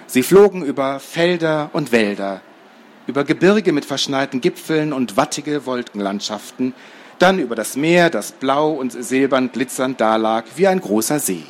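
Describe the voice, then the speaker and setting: Lively man reading a storybook aloud. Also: mid-range voice, moderate pace. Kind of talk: reading a children's book aloud.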